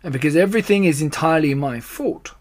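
A man voicing a sly, confident father fox in a children's story, speaking in a deliberate, conspiratorial way. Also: a little high, pitched above the performer's own voice, natural voice. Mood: generous.

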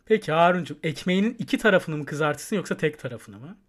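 A man's voice: on the high side, expressive, fast talker. A man co-hosting a casual podcast chat, playful and teasing, quizzing his guest and laughing often. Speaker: podcast co-host.

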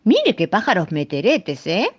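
A woman's voice: medium pitch, wildly swooping pitch, measured pace, breathy edge, no room sound, dull audio, heavily acted. A woman voicing a small, clever male songbird who coaxes and wheedles. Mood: sly, coaxing. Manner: coaxing, wheedling.

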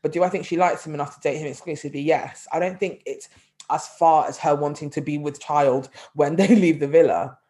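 A woman's voice: low-pitched, brisk. Blunt, swearing young London woman. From North London. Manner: blunt, heavy swearing, animated. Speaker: podcast co-host. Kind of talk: casual chat.

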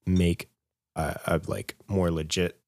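This young man co-hosts a podcast in a low, gravelly, darkish voice with little pitch movement and a slow pace. He rambles casually with lots of fillers and restarts; the studio-quality audio has no room sound.

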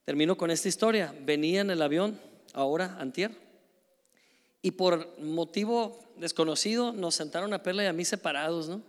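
A man preaching a sermon, telling stories in a lively, conversational way with frequent tag questions. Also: a little high, normal speed, in a large hall. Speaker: pastor. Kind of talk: sermon with storytelling.

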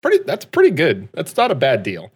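Animated man hosting a gaming chat. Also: on the high side, brisk, husky. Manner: laughs often, animated. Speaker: podcast host.

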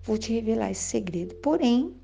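An older woman, telling memories at home in a gentle, musing way, with soft laughs and little asides to the listener. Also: fairly high pitch, lively intonation, normal speed, vocal fry. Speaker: vlogger. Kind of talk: reflective storytelling monologue. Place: home, indoors.

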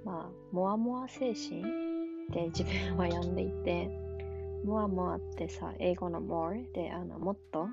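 A young adult woman talking casually on her own, relaxed and rambling, with many fillers and frequent laughs. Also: fairly low pitch, unhurried, gravelly, dull audio, loud music behind the voice. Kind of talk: casual solo talk.

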